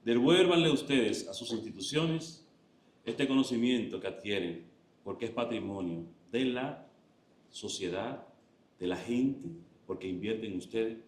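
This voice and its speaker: A man giving a formal introduction of a speaker, exhortative in tone. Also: fairly low pitch. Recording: echoey lecture hall.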